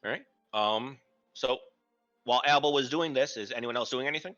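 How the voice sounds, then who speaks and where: Bright-voiced game master, muffled audio. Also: male voice, mid-range voice, a little fast, soft background music. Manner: hesitant narration with many ums and restarts. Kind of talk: narrating a tabletop game online.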